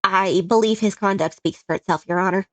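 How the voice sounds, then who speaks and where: A woman roleplaying a nervous first-time prosecutor who speaks politely and in a hushed voice. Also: mid-range voice, brisk, no room sound. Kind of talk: game roleplay in character.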